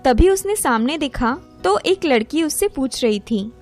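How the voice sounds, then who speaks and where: A female storyteller with a high voice reads a scripted tale in plain narrative sentences while faint music plays in the background. Her delivery is animated and measured, with a slightly mellow quality.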